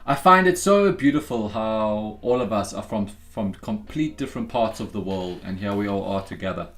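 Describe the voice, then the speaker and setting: A man's voice: lowish voice, expressive, normal speed, a bit bright. Chatty man hosting a stream. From South Africa. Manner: upbeat and chatty, talks straight to viewers, calls them guys and bro. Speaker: livestream trading host. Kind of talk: casual live-stream chat.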